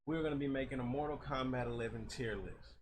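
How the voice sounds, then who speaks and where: A man's voice: medium pitch, quick pace. A man giving informal, opinionated gaming commentary, recorded a little far from a makeshift old mic. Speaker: gaming video host. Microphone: makeshift old mic, not close. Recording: far from the mic, background noise.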